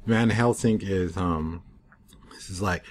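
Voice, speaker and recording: A man's voice: low-pitched, slow pace, slight background noise. A man giving a casual, rambling, digressive review of a TV episode into a desk microphone at home. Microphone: USB desk microphone.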